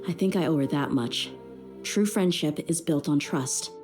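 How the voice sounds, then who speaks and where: In this game clip, an actress voices a young female mercenary bodyguard, speaking frankly, directly and plainly. Her voice is low, a little mellow and natural, at a normal speed, with soft music behind her.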